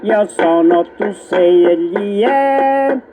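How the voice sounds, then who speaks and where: A man chanting a comic verb drill in a slow, droning way. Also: high voice, expressive, exaggerated voice. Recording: loud music under the voice.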